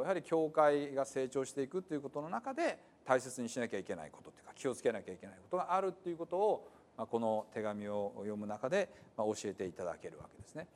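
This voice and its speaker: Lively Japanese pastor preaching. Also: male voice, medium pitch. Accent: Hiroshima dialect in the reading. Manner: lively, many fillers, shifts between calm explanation and emphatic points. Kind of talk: sermon with scripture reading in dialect.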